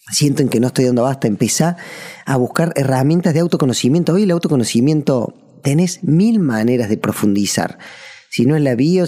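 A man with a Rioplatense Spanish accent talks straight to his listeners in a reflective, motivational podcast monologue. His voice is mellow and relaxed, with an ordinary middle pitch. He coaches earnestly and keeps asking questions. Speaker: podcast host and mentor.

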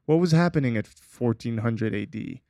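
A man co-hosts a casual chat, playful and quick to cut in with his own remarks. His voice sits at an ordinary pitch. It is recorded close and dry, with no room echo. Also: animated, mellow. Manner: playful, laughs often, interjects. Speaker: podcast co-host.

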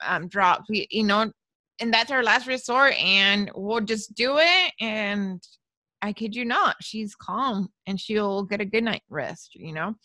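A woman's voice: mid-range voice, animated, unhurried, pushed and bright, dry recording. A woman speaking frankly in a casual chat, mixing in Spanish words.

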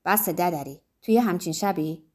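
A woman voicing a brisk scolding grandmother. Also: fairly low pitch, a little mellow, natural voice. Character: firm elderly grandmother, scolding gently. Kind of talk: audiobook character reading.

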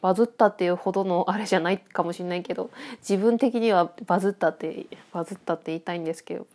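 A woman's voice: lowish voice, steady tone, very fast, darkish tone. Woman with a stuffy, nasal voice. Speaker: audio podcast host. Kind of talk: casual solo chat, thinking aloud.

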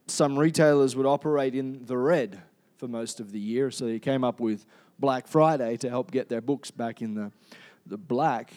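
In a mid-range, slightly mellow voice, an Australian man delivers a conversational sermon. He's chatty, keeps asking the congregation questions, and his speech is full of fillers and restarted sentences.

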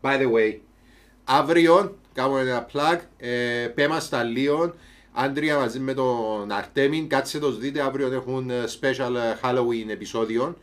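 A man with a Cypriot Greek accent hosting a casual, comedic talk show, chatting colloquially and swearing freely. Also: medium pitch.

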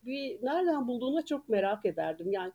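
A woman's voice: fairly high pitch, very animated, quick pace, mellow, dull audio. A woman in her sixties from Ankara, guest on a podcast, telling stories in a chatty way and laughing between sentences. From Ankara, Turkey. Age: 60s. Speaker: guest author and retired teacher. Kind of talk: casual podcast interview.

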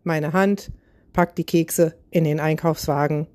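A woman's voice: sits low, fairly even intonation, unhurried, darkish tone, dry recording. A woman voicing a greedy inner curiosity gremlin that speaks in curt commands. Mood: grabby. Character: greedy curious gremlin grabbing new things.

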